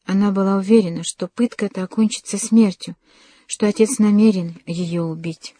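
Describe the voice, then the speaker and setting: A woman narrating a literary novel as an audiobook, with a measured and dramatic reading. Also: medium pitch, fairly even intonation, warm tone, dry recording.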